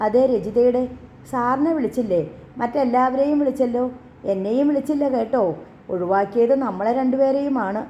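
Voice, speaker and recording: A woman's voice: a little high, normal speed, mellow, slight background noise, natural voice. A woman voicing a chatty young woman who works at a shop and passes on gossip. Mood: gossipy. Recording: dull lo-fi audio.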